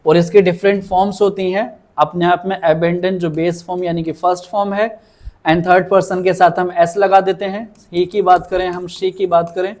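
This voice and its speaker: Brief: high-pitched male tutor, patient, repeats words slowly. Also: level tone, darkish tone. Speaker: English teacher. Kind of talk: vocabulary lesson.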